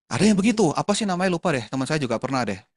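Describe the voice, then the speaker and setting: A chatty man, talking casually to a youth group and slipping English words in. His voice sits a little high for a man and is recorded close and dry, with no room sound. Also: big pitch swings, rapid-fire, breathy edge, dry recording. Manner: chatty, mixes in English words, addresses the audience as friends.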